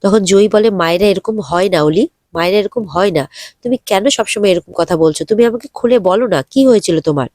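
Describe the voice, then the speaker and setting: A woman's voice: medium pitch, a little fast, darkish tone, dry recording, clean studio sound. A woman narrating an episode recap, retelling the characters' lines with light emotion.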